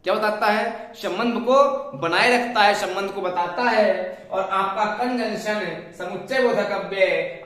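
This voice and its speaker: A man's voice: high-pitched, fairly bright tone. A man teaching a grammar lesson with a Hindi accent, speaking to students and repeating points back to them as questions. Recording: very echoey room.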